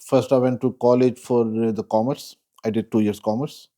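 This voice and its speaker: A man, a guest telling his life story in an interview. His voice is warm and mellow, and he talks in a measured, reflective way, often pausing to think. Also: mid-range voice, steady tone. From Pakistan.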